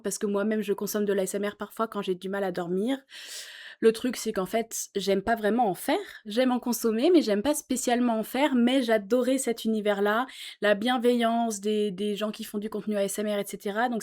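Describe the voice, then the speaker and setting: A woman's voice: medium pitch, a little mellow. A woman musician talking earnestly to camera from a sofa in her small office, in a casual chat full of fillers. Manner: earnest, thoughtful, with many fillers. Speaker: YouTuber and musician.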